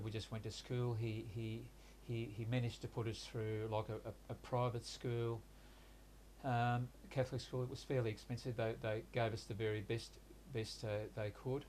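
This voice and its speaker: A man in his 60s, Hungarian by birth and first language but raised in Australia, recounts his life in a reflective interview. His medium-pitched voice stays flat and even as he hesitates, often pausing and restarting, over slight background noise.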